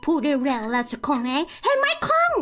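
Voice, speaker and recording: A woman's voice: high-pitched, huge pitch swings, a little fast, a bit bright, faint music behind. A woman streamer playing an English teacher, theatrical and exaggerated in a playful chat.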